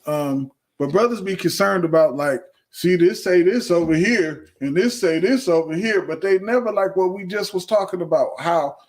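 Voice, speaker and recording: A man's voice: high-pitched, normal speed, hardly any pauses. A man who is a guest in a casual chat, laid-back and talking in loose run-on sentences.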